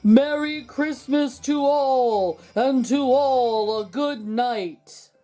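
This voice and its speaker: A woman voicing a jolly, lively little old Saint Nicholas, calling out exultantly in a storybook poem. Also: high-pitched, rough recording. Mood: jubilant farewell. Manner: loud, drawn-out, exultant calling. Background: background music.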